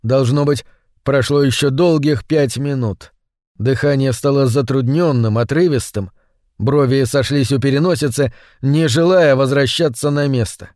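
A man narrating a scripted horror story in a measured, suspenseful way. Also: medium pitch, darkish tone, dry recording, studio quality.

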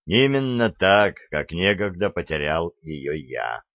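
A man narrating a crime novel as an audiobook, in a measured, even manner. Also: low voice, dry recording. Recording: dull lo-fi recording.

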